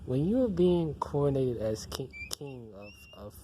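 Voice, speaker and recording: A man asks interview questions in a mellow, mid-pitched voice. His questions come haltingly, repeating words as he goes. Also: big pitch swings, slight background noise.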